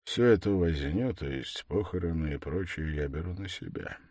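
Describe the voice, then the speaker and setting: A man reading an audiobook voices a calm, worldly middle-aged gentleman who speaks smoothly and in a businesslike way. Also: deep voice, moderate pace, no echo, clean studio sound. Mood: composed.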